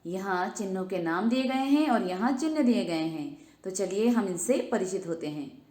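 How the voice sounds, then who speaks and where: A woman's voice: medium pitch, animated, dark tone, roomy sound. A woman teacher reading a grammar lesson aloud to children, explaining each point and asking rhetorical questions. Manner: slow, emphatic reading of examples with rhetorical questions.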